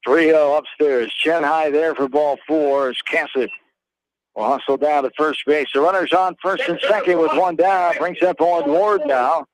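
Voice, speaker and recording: An American man does live radio play-by-play for a baseball game, speaking in short, clipped phrases broken by pauses. His voice is on the high side, and the recording quality is poor.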